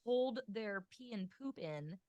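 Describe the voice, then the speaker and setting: A woman's voice: medium pitch, lively intonation, slow, a little mellow, no echo. A woman hosting a podcast, talking casually with many fillers and easy laughter. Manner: chatty, lots of "like", laughs easily. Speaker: podcast host.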